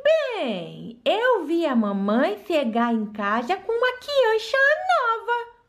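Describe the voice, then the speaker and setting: A Brazilian woman voicing a quiet, sly crawling baby doll in a hushed, low-key manner. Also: huge pitch swings, slow, full character voice. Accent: Brazilian Portuguese.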